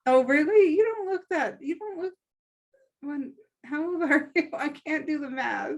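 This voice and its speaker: A woman's voice: sits high, unhurried, darkish tone. A woman in her thirties hosting a casual video-call chat, earnest and often giggling as she teases. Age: 30s. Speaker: club owner and discussion host.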